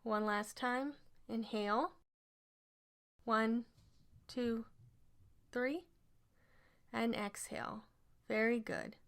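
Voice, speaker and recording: Her voice a little high and steady, this woman guides listeners through a scripted relaxation exercise, delivering instructions in measured phrases.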